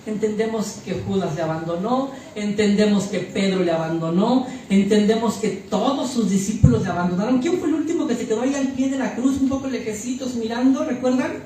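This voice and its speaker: Guy preaching a fiery sermon, mellow voice, super echoey church, kinda far from the mic. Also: sits high, a little fast, hardly any pauses, slight background noise. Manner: fervent preaching, repeats phrases for emphasis. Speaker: pastor.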